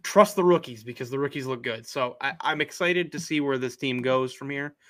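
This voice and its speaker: A young man co-hosting a casual sports podcast, easygoing and opinionated, talking in quick bursts. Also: mid-range voice, a bit bright. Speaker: podcast co-host.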